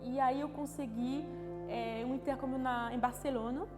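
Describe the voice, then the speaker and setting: In this personal testimony interview, the interviewee is a Frenchwoman whose first language is French, speaking in a high, steady voice. Her delivery is halting, with frequent restarts, tag questions and pauses to find words. Long reverb and background music colour the audio.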